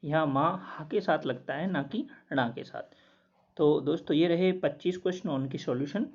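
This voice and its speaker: A man working through quiz answers as a teacher, steadily repeating each word slowly to explain it. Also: on the high side. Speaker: Hindi test teacher. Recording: dull lo-fi recording.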